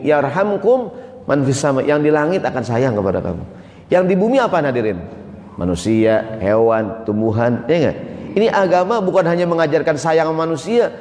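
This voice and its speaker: A man preaching a sermon in a mosque, lively and joking, often asking the audience questions. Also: a little high. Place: large mosque hall. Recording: echoey mosque hall.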